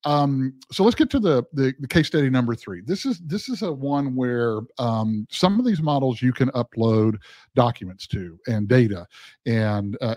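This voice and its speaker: Man presenting a webinar, quick and full of ums and restarts, dry sound. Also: medium pitch, darkish tone, no room sound. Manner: fast talking, frequent fillers and restarts. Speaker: guest speaker.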